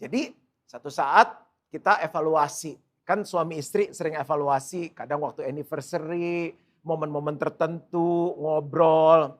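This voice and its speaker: Middle-aged man, pastor, casual and animated preaching for an online service. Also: on the high side, a little slow. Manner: conversational, animated storytelling with acted quotes. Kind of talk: sermon. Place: church service streamed online.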